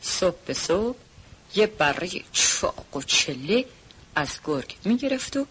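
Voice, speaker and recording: A narrator telling a children's story in an expressive storytelling way, with a husky voice. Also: mid-range voice.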